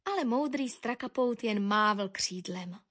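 A woman narrating a children's animal story with a lively, expressive reading. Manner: lively expressive reading, dropping low for asides.

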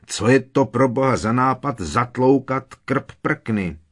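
A man's voice: mid-range voice, animated, a bit bright, voice pushed up. Man voicing an eager, flustered wizard dad. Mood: exasperated. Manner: eager, curious, flustered exclamations. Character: excitable, kindly middle-aged wizard father.

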